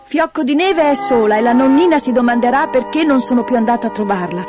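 A woman doing a bright, eager little mountain girl. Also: fairly high pitch, animated, quick pace, pitched above the performer's own voice, natural voice. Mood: pleading. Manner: eager, raised childlike voice. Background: background music.

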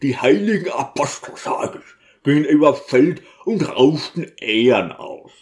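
Ein Mann, der einen aufbrausenden, sturen Diakon spricht, laut und beharrlich. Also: male voice, a little high, lively intonation, a little slow. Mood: pleading. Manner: loud, pleading and defiant. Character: burly hot-tempered male deacon, loud and stubborn.

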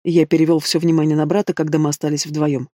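Guy reading an audiobook, kinda high voice, dry sardonic, dead dry close mic. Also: flat delivery, fast, warm tone, no echo. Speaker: audiobook reader. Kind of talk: scripted first-person narration.

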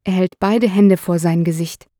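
A woman narrating a crime audiobook in a measured, even reading. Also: fairly low pitch, no room sound, studio quality. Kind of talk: scripted narration.

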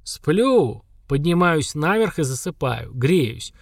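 A man voicing an ancient, simple-minded lake monster, speaking in slow, blunt, flat statements. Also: fairly high pitch, vocal fry, dry recording, studio quality, heavily acted. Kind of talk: audiobook character voice.

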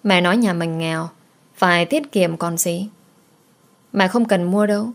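A woman's voice: fairly low pitch, unhurried. A woman voicing a sad young girl who pleads tearfully with her mother. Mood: pleading.

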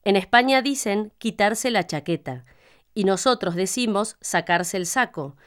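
An actress playing a young Argentine woman with an Argentine accent, calmly explaining in a scripted language-course monologue. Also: medium pitch, natural voice. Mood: relaxed. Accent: Argentine Spanish. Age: young adult. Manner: calm, measured explaining. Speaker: student speaker in a listening exercise.

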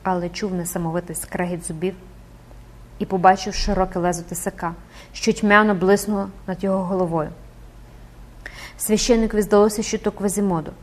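A woman's voice: mid-range voice, steady tone, fairly quick. A woman narrating an audiobook dramatically and expressively, rising with the action.

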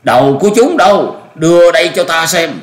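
A man voicing a bitter old male martial master who rages and gloats in a shrill, cackling voice. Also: wildly swooping pitch, slow pace. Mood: raging. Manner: raging, gloating laughter. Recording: echoey room.

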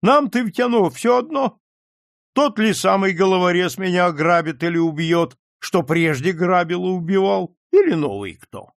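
Dry, mocking young son, pitched higher than the narration, voiced by a male reader. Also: moderate pace, vocal fry, dry recording. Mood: grim. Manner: dry, mocking, serious-faced. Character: sardonic young nobleman son, grim and sharp-tongued.

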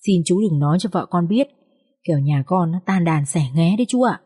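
Cheating husband coaxing slowly, woman doing him, breathy. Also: lowish voice, animated, mellow. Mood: begging. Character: unfaithful husband, evasive and sweet-talking.

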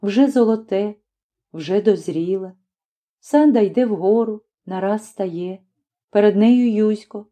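A woman reading a classic story aloud as an audiobook narrator, in a measured and expressive way. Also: medium pitch.

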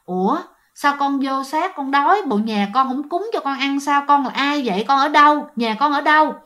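A woman's voice: high-pitched, expressive, normal speed, sharp tone. A woman voicing a kind older mother who coaxes and begs a spirit to leave her child. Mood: coaxing. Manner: coaxing and pleading.

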